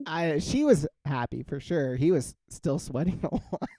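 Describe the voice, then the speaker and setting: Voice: mid-range voice, lively intonation, a little slow, warm tone. A podcast host chatting casually, rambling through fillers and breaking into laughter.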